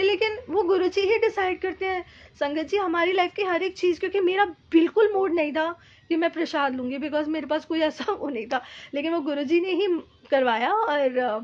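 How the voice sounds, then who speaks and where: A woman telling a heartfelt devotional testimony, speaking earnestly and haltingly, with many fillers and English words mixed in. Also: high-pitched, highs cut off. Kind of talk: personal spiritual testimony.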